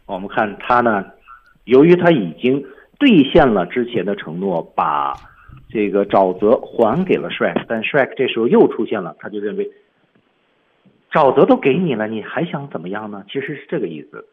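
A man's voice: on the low side, very animated, normal speed, narrow, tinny audio, slight background noise. A man teaching English on a radio lesson, explaining film lines step by step.

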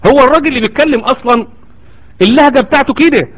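A man with an Egyptian Arabic accent delivers a religious lecture at a rapid clip. His voice sits high, and he presses his argument with one rhetorical question after another. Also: low-quality recording. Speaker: Islamic lecturer.

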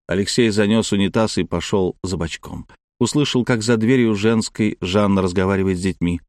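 Male narrator, low voice, dry close recording, measured reading. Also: a little mellow, no echo. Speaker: audiobook narrator. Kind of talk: scripted narration.

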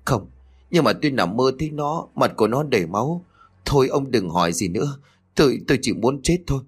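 A man's voice: medium pitch, expressive, a little fast, slightly rough, voice pushed up. A man voicing a worried older village mother in an audio story, with an anxious, pleading manner.

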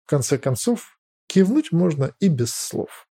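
Expressive male audiobook narrator, very varied intonation. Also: a little high, measured pace, husky, dry recording, clean studio sound. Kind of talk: scripted fiction narration.

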